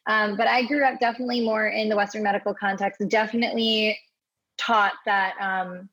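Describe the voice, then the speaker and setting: A woman's voice: mid-range voice, fairly even intonation, fairly quick, a bit bright. A woman in her thirties from Hawaii, a guest in an interview, telling her story in a chatty way and often adding "right?" and "you know". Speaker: podcast guest. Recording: dull lo-fi audio.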